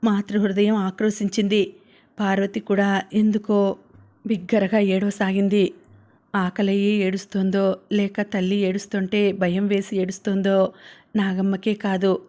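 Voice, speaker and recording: A woman narrating an audiobook story in a measured, even reading. Her pitch is middling and holds very level, with little rise or fall. The delivery is steady and scripted.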